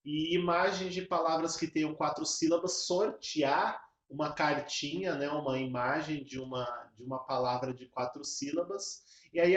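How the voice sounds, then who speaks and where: A man explaining a children's rhythm game step by step, teaching music to early-years teachers. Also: a little high. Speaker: music educator. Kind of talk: casual teaching video. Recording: echoey room.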